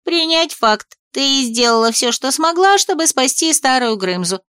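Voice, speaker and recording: A woman's voice: sits high, expressive, unhurried, fairly bright tone, clear, resonant tone, no echo, clean studio sound, pitched above the performer's own voice. A woman voicing a young woman's mocking inner voice, teasing and sarcastic, in an audiobook. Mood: gleeful.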